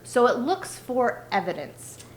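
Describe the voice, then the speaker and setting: A woman's voice: a little high, big pitch swings, measured pace. A woman, a children's book author, talking casually in a podcast interview, rambling with many fillers. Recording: roomy, with faint noise.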